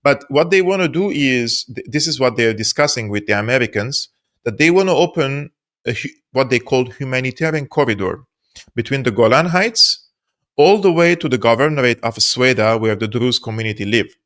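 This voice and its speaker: A man's voice: mid-range voice, lively intonation, normal speed, a bit bright. A man from Syria, a guest analyst in an interview, explaining at length in an earnest, emphatic way and repeating points for stress. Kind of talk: interview answers.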